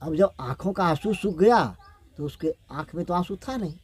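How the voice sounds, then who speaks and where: A man's voice: high-pitched, expressive, normal speed, breathy edge. A man telling a folk tale in a folksy, rustic way with many repetitions. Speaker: storyteller.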